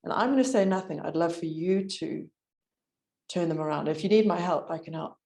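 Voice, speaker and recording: A woman with a low, mellow voice coaches a client in an encouraging, direct way. Her delivery is measured and unhurried, and a slight tremble from the cold runs through it. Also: vocal fry. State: voice shaking from cold. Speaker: recovery coach. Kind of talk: coaching call.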